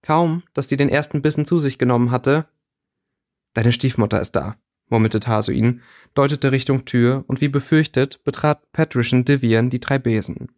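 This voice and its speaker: A man reading fan fiction aloud as an audiobook, steady with small slips. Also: mid-range voice, normal speed, few pauses. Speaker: audiobook reader.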